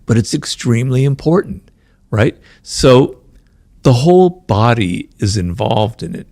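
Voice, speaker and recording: Man, gravelly voice, middle pitch, fast talker, interview explaining, frequent "right?", dry close sound. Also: big pitch swings, dark tone, dry recording. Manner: explains with fillers like "right?" and "you know"; talks fast, says his mind races. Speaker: author being interviewed. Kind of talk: conversational interview answer.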